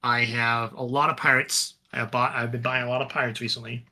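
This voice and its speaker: Bright-voiced man in casual chat. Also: mid-range voice, fairly quick. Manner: relaxed, rambling, many fillers and restarts. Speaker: podcast co-host. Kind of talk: casual chat about a tabletop wargame.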